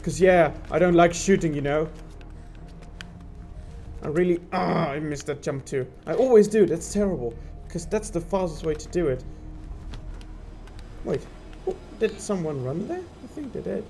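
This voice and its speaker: A man's voice: fairly high pitch, animated, moderate pace, gravelly, long pauses, mellow, faint music behind. A man giving let's play commentary, frustrated and swearing as he talks to himself and his viewers. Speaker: gameplay commentator.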